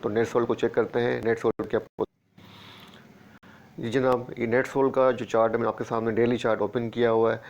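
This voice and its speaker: With a sore throat, a market analyst from Pakistan takes viewers through stock charts in a screen-share, steadily repeating price levels. He speaks briskly and flatly at a medium pitch, and the recording has its highs cut off.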